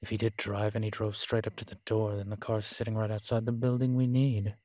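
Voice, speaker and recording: In an audio roleplay drama, a man voices a sardonic, weary vampire using measured, formal phrasing with a wry, pondering edge. His low, slightly mellow voice barely moves in pitch and stays close to an everyday sound. The recording is close and dry, with no room sound at all.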